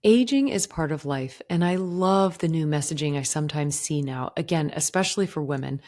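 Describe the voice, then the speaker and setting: Low-voiced woman in her forties. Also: normal speed. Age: 40s. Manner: gentle, earnest and reflective. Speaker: podcast host. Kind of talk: reflective personal monologue. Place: indoors.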